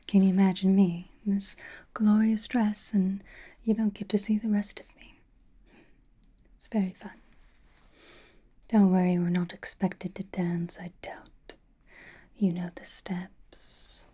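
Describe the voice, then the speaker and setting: In an ASMR roleplay, a woman plays an elegant, teasing female vampire noble, speaking in a soft, breathy, lowish whisper. Her delivery is slow and refined, with a wry, teasing edge.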